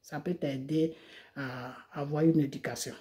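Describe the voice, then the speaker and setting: Her voice is low-pitched and dark, her tone steady and her pace unhurried as she delivers an indignant monologue straight to the camera. The woman, an Ivorian video creator, keeps hammering rhetorical questions, recorded through a phone or camera microphone.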